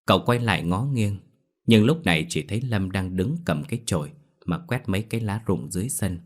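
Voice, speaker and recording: Deep-voiced man narrating a ghost story. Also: animated, fairly quick.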